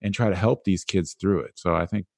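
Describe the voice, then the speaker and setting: A man speaking as a podcast guest about teenagers, in a casual, animated way. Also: low-pitched, a little fast, gravelly, dry recording. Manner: casual and animated, many "like" fillers. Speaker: guest, school resilience speaker. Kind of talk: conversational interview.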